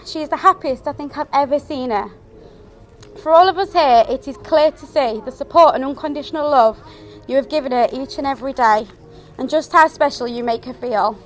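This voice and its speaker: A woman giving an earnest, affectionate wedding toast speech as best woman, reading from prepared words. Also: high-pitched.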